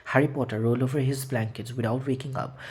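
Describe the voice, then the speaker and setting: A man's voice: medium pitch, fairly even intonation, fast, darkish tone, slightly rough. A man narrating a children's fantasy audiobook, reading with frequent slips and restarts. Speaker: audiobook reader. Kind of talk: storybook narration.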